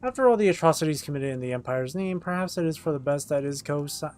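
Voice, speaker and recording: A man's voice: on the high side, animated, quick pace, darkish tone. A man streaming a game, reading its written dialogue aloud and acting it out as he goes. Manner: acts out the written dialogue as they read.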